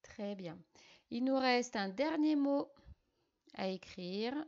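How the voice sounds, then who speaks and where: A woman teaching young pupils, correcting a dictation by sounding out each syllable and letter slowly. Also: on the high side, lively intonation, a little mellow, highs cut off. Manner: slow, syllable-by-syllable spelling out. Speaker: primary school teacher.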